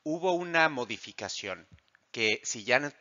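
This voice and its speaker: A man teaching an English grammar lesson, explaining slowly and asking the class questions that he then answers himself. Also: mid-range voice, lively intonation, bright, forceful tone. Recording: dull lo-fi audio.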